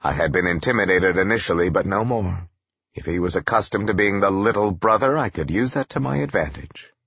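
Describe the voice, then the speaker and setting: A man narrating a first-person audiobook in a wry, expressive storytelling manner. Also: sits low, fairly quick, vocal fry, slightly rough, no room sound, lo-fi sound.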